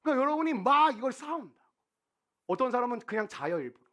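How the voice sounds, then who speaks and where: Pastor, man, high and very lively voice, chatty sermon delivery that acts out scenes. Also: fast talker. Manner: conversational, animated, acts out quotes. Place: church sanctuary.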